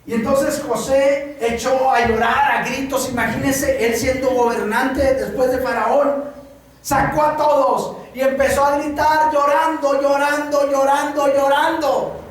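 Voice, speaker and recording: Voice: high voice, fairly even intonation, unhurried. A preacher with a Mexican Spanish accent giving a sermon in a church hall, speaking in a repetitive, emphatic cadence. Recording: very echoey hall, mic far off.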